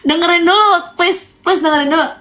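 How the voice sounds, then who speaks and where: High-voiced young woman telling stories. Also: unhurried. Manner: animated, emphatic, keeps asking viewers. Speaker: livestreamer. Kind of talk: casual storytelling on a live stream.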